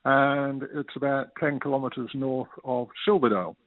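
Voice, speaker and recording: An Englishman in his sixties, a retired resident from the UK, is a guest on a phone interview, explaining things steadily with a few fillers. His voice is medium-pitched with fairly even intonation and a moderate pace. The tinny phone line has no echo.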